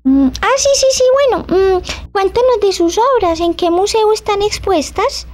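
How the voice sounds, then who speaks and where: A woman's voice: very high voice, animated, unhurried, darkish tone. A woman voicing a sweet but easily indignant female puppet presenter, coy and theatrical. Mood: chirpy, skeptical. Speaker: guest presenter. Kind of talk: puppet show dialogue.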